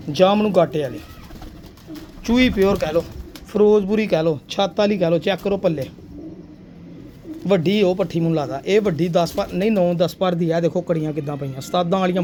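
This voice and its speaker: Man, high voice, persuasive pigeon seller, faint cooing of pigeons behind. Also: a little fast, long pauses, warm tone, a little hiss or hum. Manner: persuasive, addresses viewer as sir and brother. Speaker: pigeon seller showing birds. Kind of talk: casual sales pitch.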